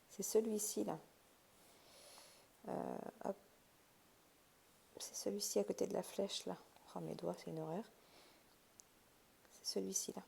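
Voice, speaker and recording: A woman's voice: mid-range voice, gravelly, warm tone, slight background noise. A woman hosting a crafts channel, casually talking through an unboxing and thinking aloud with many fillers and restarts.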